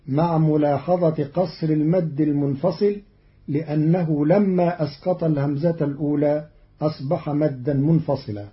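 Man explaining recitation on old radio. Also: a little high. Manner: measured and precise, carefully enunciating each word. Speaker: radio presenter explaining Quran recitation variants. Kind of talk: formal didactic explanation. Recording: dull lo-fi archival radio recording.

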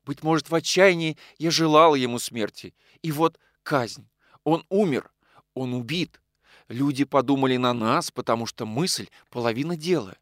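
Figure: a grieving young woman, firm and sorrowful as a male reader voices her. Style: audiobook character reading, quiet and restrained. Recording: dry, close. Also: medium pitch, normal speed, no room sound, lightly acted. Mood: grave.

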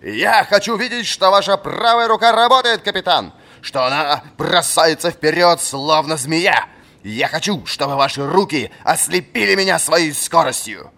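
A man reading an audiobook, voicing a gruff old male fencing marshal who barks commands at his pupil. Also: a little high, expressive, normal speed, voice pushed up, full character voice. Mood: barking. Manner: barking, shouting commands.

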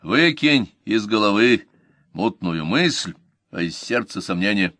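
A man voicing a loyal ancient cavalry commander who speaks in a measured, reflective way, in an audiobook. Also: fairly low pitch, animated, bright, forceful tone, dry recording, studio quality, exaggerated voice. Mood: blunt. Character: thoughtful male cavalry commander, blunt and loyal.

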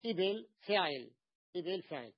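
Gravelly raised-pitch teacher guy repeating word forms over and over, muffled lo-fi sound. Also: expressive, moderate pace. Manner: drills word forms with patient repetition. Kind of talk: explaining a grammar lesson. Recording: dull lo-fi recording.

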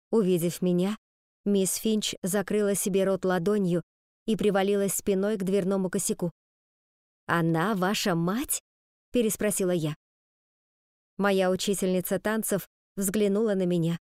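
A woman reading an audiobook in first-person narration with a measured storytelling delivery. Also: mid-range voice, mellow, no echo, studio quality. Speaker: audiobook reader.

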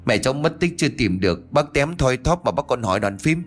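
A man's voice: medium pitch, expressive, brisk, soft background music, voice pushed up, lightly acted. A man voicing a distraught young man who cries out in a raised, pleading voice in a ghost story.

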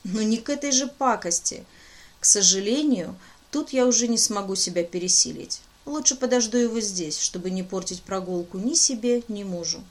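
Female audiobook narrator, middle pitch, reads in first person, gently voices dialogue. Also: normal speed.

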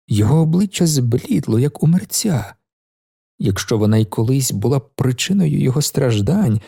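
A man narrates a novel in a measured, expressive audiobook reading. His voice is gravelly and dark, with a husky edge. His pitch moves a lot through the story. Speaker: audiobook reader.

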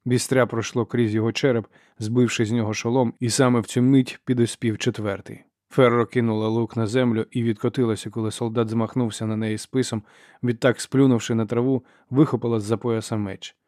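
A man reading a novel aloud as an audiobook narrator, in steady, measured storytelling. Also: mid-range voice, no room sound, clean studio sound. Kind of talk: scripted narration.

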